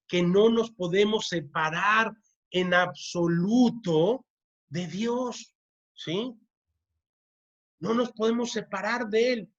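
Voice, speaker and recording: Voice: medium pitch, muffled recording. A church teacher leading a parenting class, who often checks in with the listeners and repeats key words to drive them home. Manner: keeps asking the audience "¿sí?", repeats key words.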